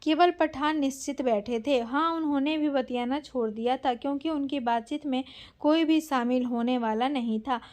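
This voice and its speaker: High-voiced woman reading a short story. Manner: measured, expressive reading. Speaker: story narrator.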